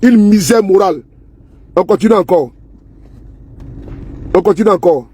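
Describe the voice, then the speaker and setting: A man's voice: sits high, animated, normal speed, dark tone, husky. A man giving casual, scornful political commentary to camera, repeating himself and asking viewers if they see. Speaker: political vlogger. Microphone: phone or camera he handles himself.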